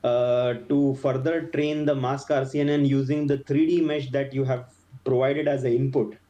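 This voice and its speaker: Halting man with a mellow voice. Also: mid-range voice, little pitch movement, highs cut off. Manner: halting, restarts with "uh". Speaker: meetup participant. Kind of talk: casual online meeting discussion.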